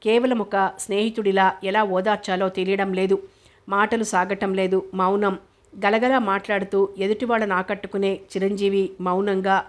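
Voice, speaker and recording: Woman, audiobook narrator, flat even pitch, mid-range voice, steady storytelling. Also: moderate pace. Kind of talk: novel audiobook reading.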